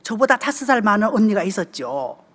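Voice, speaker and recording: Speaking in a brisk, very animated mid-range voice with a fairly bright tone, this Gyeongsang-accented church deaconess in her seventies shares stories during a family seminar. A long reverb tail trails her words as she regularly engages listeners in a chatty sermon.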